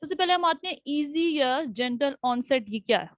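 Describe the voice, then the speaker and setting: A woman speech pathologist explains treatment techniques in a webinar, her voice set high. She pauses on fillers and keeps checking that listeners follow. The audio is dry and slightly muffled. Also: animated, no echo. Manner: code-switches English terms into speech. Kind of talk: webinar lecture.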